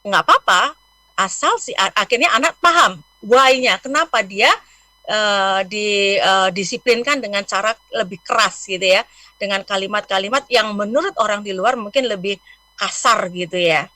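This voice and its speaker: A woman's voice: mid-range voice, moderate pace, sharp tone, dry recording. A woman guest on a radio talk show, explaining parenting in a friendly, patient way from the studio. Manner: explanatory, friendly, acts out scolding parents in quotes.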